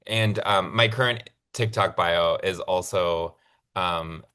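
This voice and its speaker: A man co-hosting a casual podcast, chatty and excitable, with plenty of fillers. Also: low voice, slow pace, clean tone. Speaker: podcast co-host. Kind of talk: casual chat.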